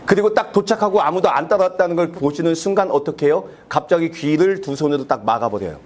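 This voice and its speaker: High, lively-voiced Korean pastor preaching. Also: male voice. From South Korea. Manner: acts out quoted prayers in a raised, slowed voice; asks the congregation questions. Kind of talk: sermon. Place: church sanctuary.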